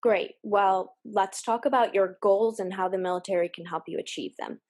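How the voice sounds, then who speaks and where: A jaded army recruiter, voiced by a woman, talks in a blunt, offhand way and drops sarcasm without blinking. Her voice sits at an ordinary middle pitch, with a plain indie audio-drama sound. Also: fairly even intonation, moderate pace, a little mellow, lightly acted.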